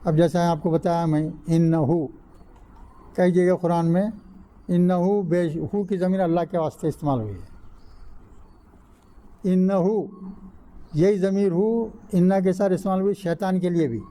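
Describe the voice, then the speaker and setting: A man's voice: sits high, unhurried, pauses often, mellow. A man, teaching an Arabic grammar class and quizzing students with repeated questions, mixing in English terms. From India. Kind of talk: classroom lecture. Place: mosque classroom.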